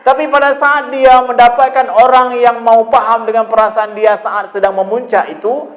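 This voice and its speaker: A man's voice: extremely high pitch, steady tone, normal speed, roomy sound. A man giving a religious lecture on parenting, talking in a repetitive, conversational way and asking his listeners rhetorical questions. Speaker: Islamic preacher answering parents' questions.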